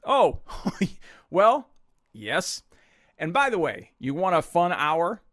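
A man's voice: a little high, huge pitch swings, takes it slowly, a bit bright, no room sound, studio quality. A man hosting a podcast, telling a frustrated story in casual chat and acting out what others said. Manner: exasperated ranting storyteller, acts out quotes. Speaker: podcast host.

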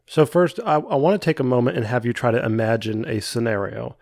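A young man with a congested, cold-stricken voice hosts his own solo devotional podcast, speaking earnestly but often restarting and repeating words before pressing on. His pitch is ordinary mid-range, his tone creaky and darkish, and his pace a little fast. The close, dry recording has no echo or room sound.

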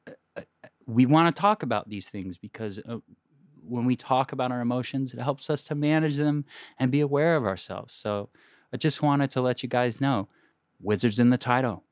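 Young man, comedy review host, earnest and gushing, average pitch, dry close sound. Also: no echo. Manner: earnest, enthusiastic, rambling with restarts. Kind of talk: comedic movie review monologue.

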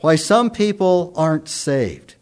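A man preaching a sermon, stressing points by repeating phrases and slowing down on key lines. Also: fairly high pitch, big pitch swings, a little mellow. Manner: emphatic repetition, slows down for key points. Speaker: pastor.

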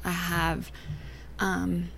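A young adult woman from Canada and Northern California, chatting as an interview guest, soft-spoken and often trailing off into near-whispers. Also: on the low side, completely flat delivery, very slow, creaky, slight background noise. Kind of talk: casual interview chat.

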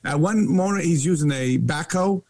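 Male co-host, slightly high voice, animated storyteller who restarts phrases, casual podcast delivery. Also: normal speed.

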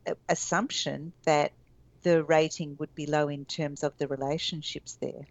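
Very low-voiced woman, lo-fi. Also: little pitch movement, dry recording. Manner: measured and thoughtful, full of restarts. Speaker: podcast co-host. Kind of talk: casual podcast chat.

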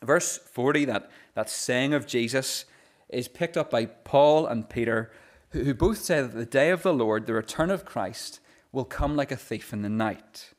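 A man preaching a sermon in an earnest voice. He often repeats words as he starts a phrase, and he slows down when he reads scripture aloud. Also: medium pitch, animated. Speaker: pastor.

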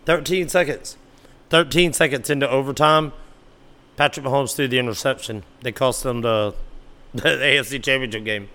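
A man's voice: mid-range voice, moderate pace, sharp tone. A man hosting a solo sports podcast, talking casually and animatedly, sometimes arguing back at imagined listeners. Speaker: podcast host.

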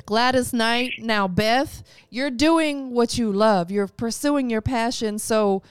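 Smooth-voiced upbeat woman host. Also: a little high, takes it slowly, no room sound. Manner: upbeat, affirming, laughs often. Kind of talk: casual interview.

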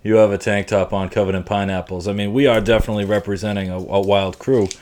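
A man's voice: lowish voice, fairly even intonation, fast talker, darkish tone. A man co-hosting a podcast with casual, playful banter and an agreeable manner. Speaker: podcast co-host.

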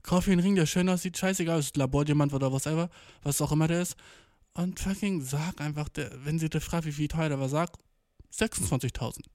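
A young man talks through a story in a casual, blunt way, full of slang and English filler words. His voice sits a little high. The recording is dry and close, with no room sound. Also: a little fast, a little mellow, no echo. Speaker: commentator. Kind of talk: casual reaction to a read-out story.

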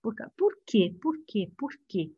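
A woman's voice: mid-range voice, very animated, unhurried, husky, no room sound, highs cut off. A woman teacher, chatting in a storytelling way and acting out classroom chatter. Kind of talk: casual conversation.

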